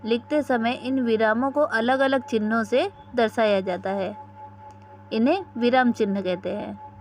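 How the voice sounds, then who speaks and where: A woman's voice: a little high, a little slow, a little mellow, faint music behind. A woman teaching a children's Hindi grammar lesson, spelling out each sound one by one and answering her own questions.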